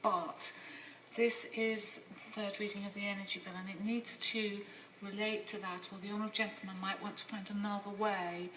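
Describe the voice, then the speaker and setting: A woman chairing a parliamentary debate, giving a measured, polite but firm procedural ruling. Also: medium pitch, little pitch movement, a bit bright. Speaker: deputy speaker chairing debate. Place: large debating chamber. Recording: distant echoey chamber with background noise.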